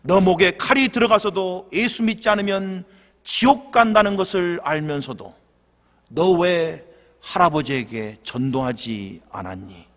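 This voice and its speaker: A man's voice: high voice, expressive, unhurried, pitched below the performer's own voice, full character voice. A man voicing a stern, furious old grandfather who scolds his grandson, in a reverberant church hall. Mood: anguished reproach. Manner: shouting, scolding.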